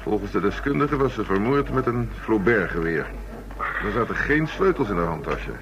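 In a radio drama, an actor plays a thoughtful, matter-of-fact police chief inspector methodically reviewing murder cases, keeping a businesslike mood in naturalistic dialogue. His low-leaning voice has lively intonation and a moderate pace, lightly acted. The dull lo-fi radio recording carries background noise and crowd murmur.

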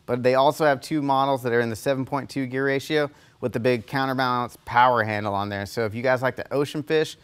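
A man's voice: mid-range voice, fairly even intonation, fast, hardly any pauses, clean tone. A young man hosting a casual rundown of new fishing tackle, upbeat and filled with "you know", filmed on an indoor studio set. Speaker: fishing tackle store host.

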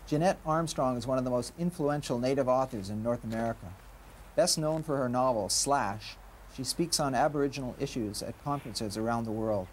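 A man's voice: mid-range voice, slight background noise. Man narrating a documentary. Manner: measured, informative. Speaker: documentary presenter.

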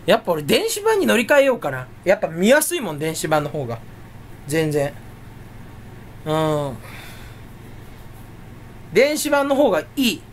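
A man's voice: high-pitched, huge pitch swings, normal speed, pauses often. Man, casual solo chat, rambling, self-mocking, swooping intonation, light background noise. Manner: rambling and self-mocking, jumping between topics. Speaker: YouTuber.

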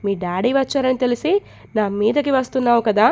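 A woman's voice: a little high, fairly quick, gravelly, darkish tone. A woman voicing a cocky, teasing young man in a storybook reading, with a bold, bragging manner. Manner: bold, mock-serious, bragging.

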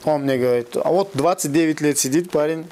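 A man from Kyrgyzstan, co-hosting a casual interview with a rapid, repetitive, broken way of phrasing things. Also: fairly high pitch, crowd noise. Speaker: co-host judging fighters.

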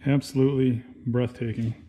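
A man's voice: mid-range voice, little pitch movement, moderate pace, muffled recording, slight background noise. A man with an ordinary mid-range voice narrates his engine work in an easygoing, folksy way, poking fun at his own handiwork. He sounds like he's standing in a home garage, with some faint clatter of tools behind him. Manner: folksy, laid-back, self-deprecating. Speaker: channel host. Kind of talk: casual workshop narration.

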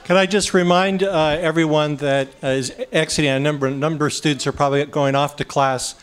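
A man's voice: on the high side, steady tone, a little fast, a little hiss or hum. A man making brief, polite announcements to an audience, with some hesitant fillers. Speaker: event organizer.

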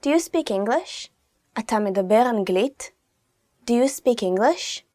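A woman teaching a language lesson to camera, reading phrases and adding relaxed, chatty asides. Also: fairly high pitch, fairly quick, dry recording, clean studio sound. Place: indoor studio, plain backdrop.

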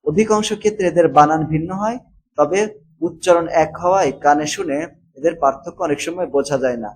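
A man, teaching a textbook lesson and repeating words slowly, with fillers and English words mixed in. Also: on the high side, rough recording.

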